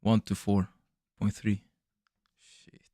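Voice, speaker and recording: Young man, live-stream trader, casual chatty, lowish voice, dry close sound. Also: completely flat delivery, slow pace, dark tone, no echo. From Serbian parents, raised elsewhere in Europe. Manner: loose, chatty, swears and laughs, talks to chat as bro. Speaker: livestreaming futures trader.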